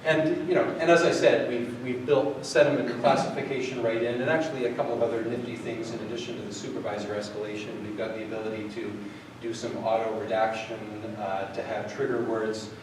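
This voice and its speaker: This presenter talks a little fast and with few pauses, his mid-range voice showing little pitch movement. He gives a casual live product demo, rambling with lots of fillers and restarts, captured distantly in an echoey, noisy hall.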